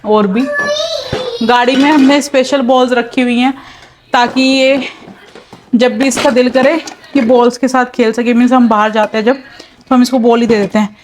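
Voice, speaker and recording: Chatty high-voiced young mom vlogging. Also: female voice, fairly even intonation, normal speed, long pauses, a little mellow, a little hiss or hum. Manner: chatty, mixes English into Hindi, talks to her child between lines. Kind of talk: casual home vlog chat. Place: home, indoors, while cleaning floors.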